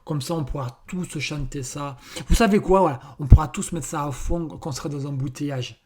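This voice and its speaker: A man's voice: fairly high pitch, brisk, a little mellow, slightly rough. A man rambles through a solo comedy podcast, loose and off the cuff. He swears freely and keeps stumbling over fillers and restarts. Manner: rambling, profane, many fillers. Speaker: podcast host. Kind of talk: casual comedic podcast monologue.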